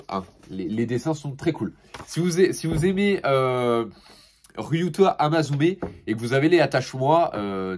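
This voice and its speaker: A young man casually reviewing his latest manga purchases in a relaxed, chatty way, with many fillers and restarts and laughs between remarks. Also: mid-range voice.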